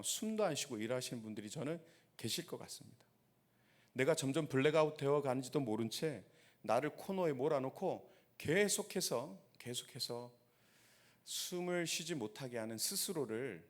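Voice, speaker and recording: A man, a pastor, preaching a sermon and telling a story while asking the congregation rhetorical questions. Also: mid-range voice. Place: church sanctuary.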